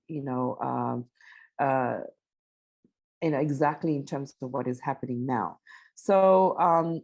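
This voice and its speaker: A woman with a notably low voice moderates an online advocacy panel. She talks hesitantly, filling her sentences with "um" and "you know", and sounds middle-aged. She comes through a video call. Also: darkish tone. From Fiji. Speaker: moderator and women's rights advocate.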